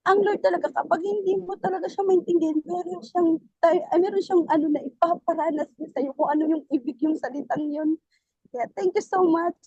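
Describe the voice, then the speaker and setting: A woman who is a parent, giving a personal testimony at church. She speaks in halting, restarting sentences and addresses the pastor respectfully. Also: very high voice, fairly even intonation, darkish tone, no echo, muffled recording. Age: adult parent.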